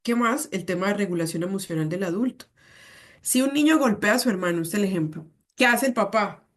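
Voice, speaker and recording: A woman's voice: mid-range voice, lively intonation, fairly quick. A woman psychologist, giving a conversational talk on parenting full of rhetorical questions.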